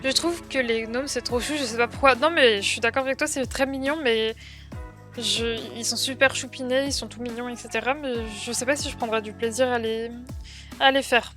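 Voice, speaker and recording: A woman's voice: a little high, steady tone, fairly quick, a bit bright, faint music behind. A young woman with a French accent, chatting casually on a livestream, reading out and answering viewers' comments with many fillers. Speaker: streamer.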